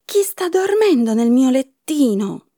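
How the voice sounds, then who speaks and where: A woman's voice: high voice, sing-song, unhurried, mellow, no echo, clean studio sound, voice pushed up, heavily acted. A woman voicing a small, whiny boy bear cub in a storybook reading. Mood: upset. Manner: whiny, tearful.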